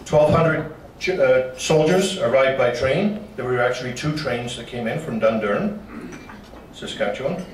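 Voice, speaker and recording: A man's voice: mid-range voice, a little slow, slight background noise. A man giving a slide-show history talk to a club, folksy and dropping joking asides. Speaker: local history presenter. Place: meeting room. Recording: roomy hall from far off.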